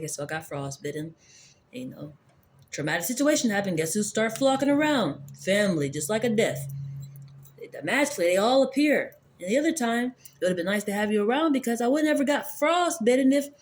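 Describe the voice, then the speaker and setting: Low-voiced woman telling a rambling story. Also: a little mellow, slight background noise. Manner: candid, rambling, heavy swearing. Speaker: vlogger. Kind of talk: casual storytime monologue.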